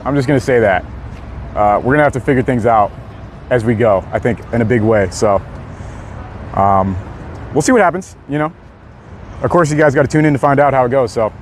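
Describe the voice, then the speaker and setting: A young man chatting casually on a live stream outdoors on a city street, laid-back and quick to laugh as he reads out chat messages. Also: mid-range voice, animated. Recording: faint street noise outdoors.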